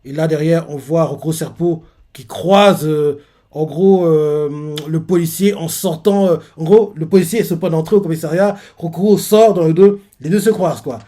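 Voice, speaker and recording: A man hosting a live reaction stream, recapping a manga chapter panel by panel. He rambles and leans on fillers as he goes, in a voice that sits a little high for a man. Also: normal speed, warm tone. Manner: rambling, filler-heavy retelling.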